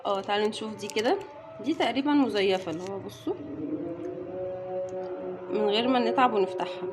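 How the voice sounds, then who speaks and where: Over music, a woman with an Egyptian accent talks fast at a medium pitch as she unboxes snacks at home. She's a vlogger mother in a casual unboxing vlog, chatty and speaking straight to her viewers.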